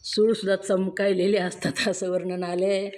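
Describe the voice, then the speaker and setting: Her medium-pitched, somewhat dark voice is delivered flatly at normal speed, with slight background noise. She's giving an earnest, emphatic religious discourse on scripture in a Marathi accent, asking her audience rhetorical questions.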